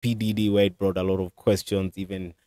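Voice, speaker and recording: Low-voiced man hosting with many "uh"s. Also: level tone, fairly quick, warm tone, dry recording, clean studio sound. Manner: hesitant, many fillers and restarts. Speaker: commentary channel host. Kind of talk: casual commentary to camera. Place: small indoor studio with curtain backdrop. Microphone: desk mic on a stand.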